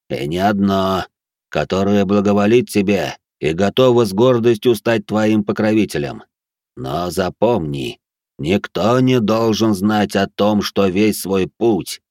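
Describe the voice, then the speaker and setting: A man voicing a male lizardfolk guard with a deep, thunderous, otherworldly voice, speaking slowly and solemnly. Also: vocal fry, a little mellow, no room sound, clean studio sound. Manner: solemn, slow and weighty.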